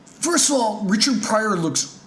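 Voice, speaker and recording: Podcast co-host, man, high voice, laid-back chat. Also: measured pace, slight background noise. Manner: relaxed, reads from notes. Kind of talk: casual chat.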